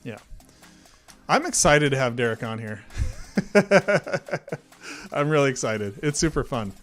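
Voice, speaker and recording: A man's voice: medium pitch, big pitch swings, slow pace, fairly bright tone. Man, stream host, casual chat, easygoing, filler-heavy, faint background music. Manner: easygoing, agreeable, lots of fillers. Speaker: livestream host.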